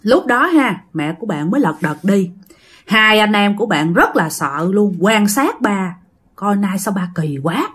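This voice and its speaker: A woman with a Southern Vietnamese accent, narrating a ghost story to her listeners in lively quoted speech. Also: mid-range voice, unhurried, breathy edge.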